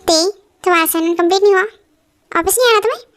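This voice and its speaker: Girl doing caring rich ceo guy, calm gentle talk, still real high voice, fan dub. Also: rapid-fire, over music. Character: young male rich CEO boss, caring and protective. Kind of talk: fan Hindi dub, amateur drama reading.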